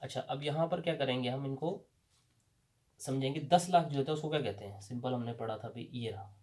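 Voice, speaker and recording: A man's voice: mid-range voice, brisk, a little mellow. A man with a Pakistani Urdu accent teaching a language lesson at a board, patiently asking questions and answering them himself.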